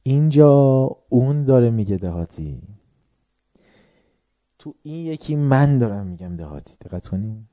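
With a lowish, warm voice, a preacher from Tehran delivers a sermon before a live audience. This religious lecturer asks his listeners questions and alternates between hushed musing and sudden bursts of volume.

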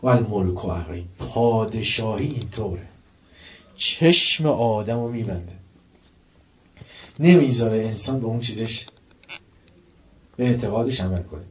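A man preaching a sermon, dramatically retelling a story and voicing the people in it. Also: fairly low pitch. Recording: roomy echo, distant mic.

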